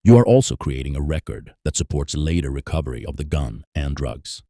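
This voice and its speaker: A man with a very deep, dark voice walks through police procedure in a measured, emphatic voice-over. The sound is close and completely dry. He stresses key points plainly and firmly. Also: expressive, no room sound. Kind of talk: scripted analytical narration.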